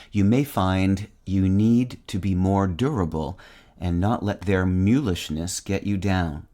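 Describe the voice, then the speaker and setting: A man hosting a short vocabulary segment, reading a script in a measured, wry and precise way and spelling words out letter by letter. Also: deep voice, darkish tone. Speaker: word-of-the-day host.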